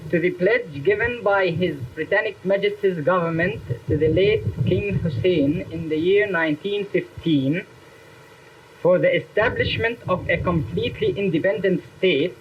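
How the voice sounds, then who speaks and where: A man with a high voice reads a formal statement in a measured, oratorical way. He comes from an old 1930s newsreel, the sound muffled and lo-fi. A faint hiss runs beneath his words. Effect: old 1930s newsreel footage. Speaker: spokesman stating grievances.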